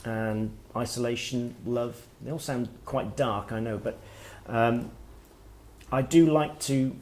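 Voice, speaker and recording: A middle-aged man, an author giving a workshop talk, speaking in a reflective, halting way as he thinks aloud. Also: mid-range voice, fairly even intonation, a little mellow. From Wales. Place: workshop room with listeners.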